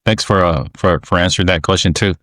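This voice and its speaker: A man from American Samoa hosting a podcast, telling stories in a relaxed, reminiscing way with halting restarts. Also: deep voice, dry recording. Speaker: podcast host. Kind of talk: casual podcast storytelling.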